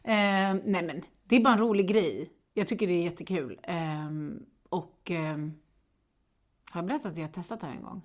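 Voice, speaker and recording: A woman co-hosting a podcast in casual chat, playful and joking, laughing often and acting out the exchanges she retells. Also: lowish voice. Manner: acts out quoted exchanges. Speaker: podcast co-host.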